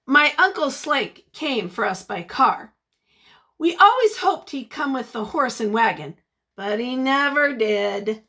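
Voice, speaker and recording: In a high voice, a woman reads a picture book to young listeners the way a teacher would, with expression and encouragement. She breaks off at points to ask them questions.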